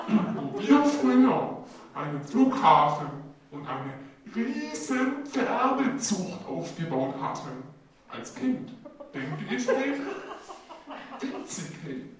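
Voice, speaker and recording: Slow, high-voiced man rambling on stage. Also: fairly bright tone. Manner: drops the filler "hey" into nearly every phrase; halting, repetitive phrasing. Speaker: stand-up comedian. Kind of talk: rambling absurd stand-up monologue. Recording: very echoey hall, mic far off, audience laughing. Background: audience laughter.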